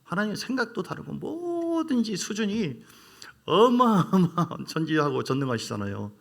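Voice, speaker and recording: A middle-aged man, preaching a sermon in a lively, playful way that jumps up in pitch. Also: moderate pace, gravelly. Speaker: pastor.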